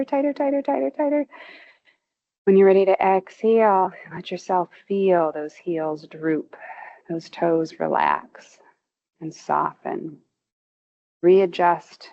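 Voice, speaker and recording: Leading muscle relaxation through slow, gentle cues, a female movement instructor rises in emphasis whenever tension is called for. Her lowish voice is a little mellow, with a gravelly fry. The recording comes across as somewhat muffled.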